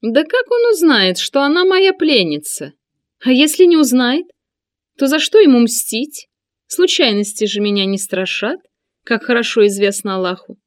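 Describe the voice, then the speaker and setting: A shrill, squealing fat eunuch who mocks his captive with open contempt, as a woman reader puts him on. The voice is pushed high and sneering. It sits close and dry, with no room around it. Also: big pitch swings, normal speed, no room sound. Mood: scornful. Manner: mocking, contemptuous. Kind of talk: audiobook character reading.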